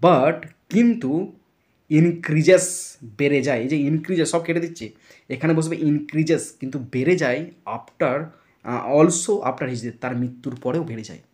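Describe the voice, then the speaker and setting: A man's voice: a little high, unhurried, a little mellow. A man teaching an English grammar lesson, explaining step by step, spelling words out letter by letter and checking if students follow. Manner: checks understanding with repeated questions.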